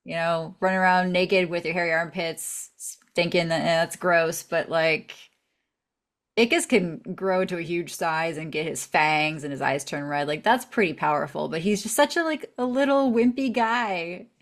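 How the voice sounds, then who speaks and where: A woman in her thirties co-hosting a casual studio podcast, giggly and animated. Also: lowish voice, normal speed. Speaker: podcast co-host. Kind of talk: casual chat.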